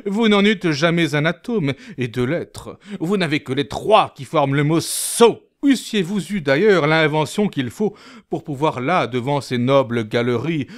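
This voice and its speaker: A man's voice: a little high, natural voice. A man performing a proud, mocking poet-duelist in theatrical verse, declaimed grandly like a hammy stage actor.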